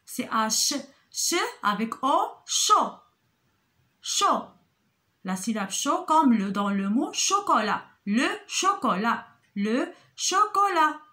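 Woman, kindergarten teacher; slow, bright, sing-song phonics drilling with stressed example words. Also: a little high, big pitch swings. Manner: repeats sounds and syllables slowly, with exaggerated emphasis on example words. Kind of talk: slow phonics lesson for young children. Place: school, recorded for an online lesson.

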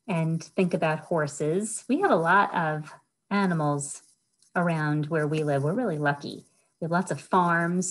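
A middle-aged American woman with a lowish voice hosts a children's storytime as a librarian, reading aloud and chatting simply to young listeners, with questions for them and chatty asides. She is indoors in a small wood-panelled room, recorded roughly on a webcam or laptop at arm's length.

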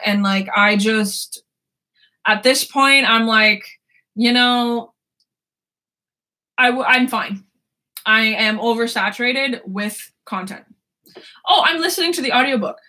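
Speaking slowly and pausing often, this woman has a fairly high, pushed, bright voice. She's a twenty-something book vlogger with a sore throat who rambles casually about books, laughing and cursing freely.

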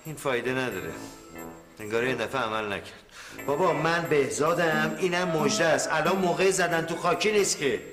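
An actor playing a flustered, bumbling young man who is quick to apologize or grumble. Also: on the high side, music in the background, lightly acted. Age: young adult. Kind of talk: film dialogue.

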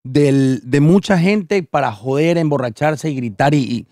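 A man's voice: fairly high pitch, a little slow, dark tone, no room sound, clean studio sound. A man, a podcast co-host who teases and interjects in casual chat. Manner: teasing, interjecting.

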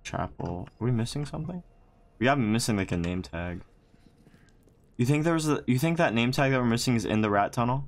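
A man's voice: mid-range voice, expressive, brisk. A young man chatting casually while playing a co-op game, laid-back, joking and swearing often. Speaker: co-op gamer. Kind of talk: casual gaming chat.

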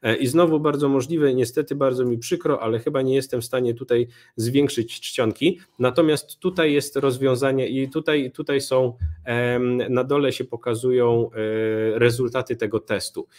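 A young man giving a live coding conference talk from a small home room, relaxed, with many fillers and restarts. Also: medium pitch, moderate pace, few pauses. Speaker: conference speaker.

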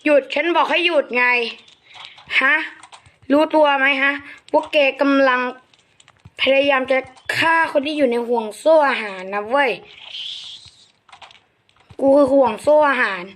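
A male gamer voicing a menacing spider that claims to rule the food chain, shouting bossy threats. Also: extremely high pitch, a little slow, pauses often. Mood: threatening.

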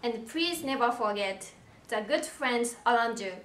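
Young woman slowly reading a speech. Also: fairly high pitch, animated, a bit bright, a little hiss or hum. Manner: slow, careful, reading from notes. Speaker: commencement speaker. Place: indoor hall with a lectern. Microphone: far camera. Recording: roomy hall sound from far off.

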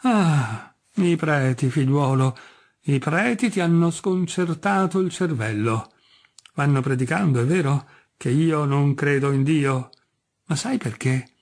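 A gruff old landowner, voiced by a male reader, who barks short, scornful questions and brushes off every objection. His voice is husky and rough, and his manner is mocking and impatient. It is a storybook figure from a read-aloud tale. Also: fairly high pitch, lively intonation, slow, full character voice. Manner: brusque and scornful, barking questions.

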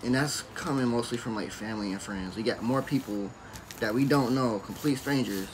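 A young man speaks in a mid-range voice, earnest and a little repetitive as he makes his case in a home vlog. Clear background noise runs under his voice throughout. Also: mid-range voice, brisk, poor audio. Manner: earnest, repeats points with "you know". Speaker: family vlogger and small business owner. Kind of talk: casual home chat.

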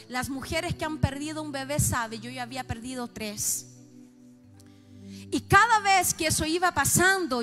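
A middle-aged woman pastor with a Chilean accent, giving an emotional sermon testimony that swings from soft confiding to loud outbursts. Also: sits high.

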